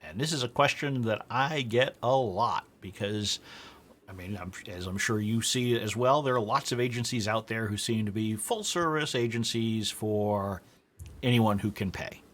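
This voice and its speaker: A man's voice: lowish voice, a bit bright. A man co-hosting a business podcast, chatting casually and joking, with frequent restarts. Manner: joking, talks in quick bursts with restarts. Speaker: podcast co-host.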